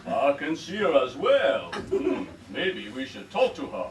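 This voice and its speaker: A man's voice: sits high, huge pitch swings, a little slow, creaky, exaggerated voice. A man playing a shifty, muddled comic witch doctor, hammy and defensive, in an amateur stage pantomime. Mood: musing. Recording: echoey stage, distant mic, noise.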